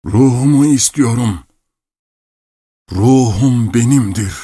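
A man's voice: sits low, steady tone, takes it slowly, darkish tone, breathy edge, no echo, clean studio sound, full character voice. A man voicing a dazed, obsessed old clockmaker who speaks in a hollow, dreamy way.

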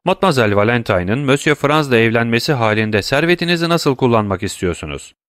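A man's voice: medium pitch, expressive, fast, a bit bright, no room sound, studio quality, close to an everyday voice. A man playing a formal, questioning notary. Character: formal, bewildered male notary. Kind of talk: audiobook reading.

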